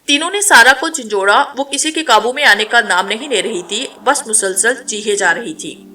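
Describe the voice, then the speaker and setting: A woman narrating a horror story in a steady, dramatic storytelling manner. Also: a little high, normal speed.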